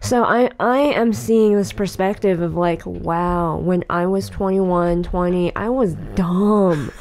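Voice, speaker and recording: A woman's voice: lowish voice, takes it slowly, darkish tone. Woman, late twenties, podcast co-host, casual rambling chat. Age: 20s. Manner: rambling, filler-heavy.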